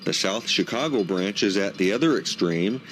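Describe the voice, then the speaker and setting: A man's voice: lowish voice, expressive, moderate pace, slight background noise, rough recording. A man delivering scripted narration as the narrator of a documentary. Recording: voice-over with loud music behind.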